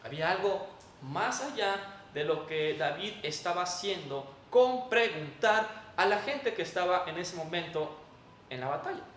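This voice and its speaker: With a high, somewhat bright voice and lively intonation, a Mexican-accented preacher speaks a little slowly, stressing and explaining his message. He reads scripture and prays in the sermon, heard through a distant mic in a reverberant room with faint background noise.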